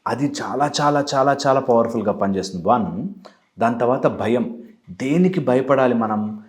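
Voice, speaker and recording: A man's voice: medium pitch, animated, moderate pace. Male life coach with a Telugu accent, mid-range voice, emphatic motivational delivery. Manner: emphatic, mixes English phrases into Telugu. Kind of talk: motivational talk.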